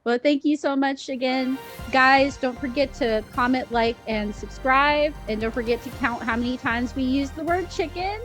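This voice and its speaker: A woman's voice: sits high, moderate pace, hardly any pauses, fairly bright tone, faint music behind, poor audio. A woman hosting a casual interview show, asking questions in a friendly, upbeat way. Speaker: host.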